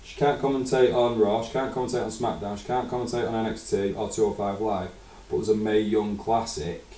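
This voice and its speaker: A man's voice: fairly low pitch, fairly even intonation, fairly quick, warm tone, a little hiss or hum. A man co-hosting a podcast, chatty and casual with some swearing. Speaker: podcast co-host. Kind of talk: casual chat. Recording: roomy, distant mic.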